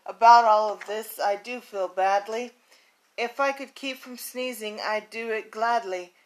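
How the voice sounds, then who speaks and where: A woman's voice: on the high side, unhurried, close to an everyday voice, rough recording. A woman voicing an apologetic male elephant in a rhyming storybook read aloud. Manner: apologetic, fussy rhyming speech. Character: sorry, sneezy male elephant.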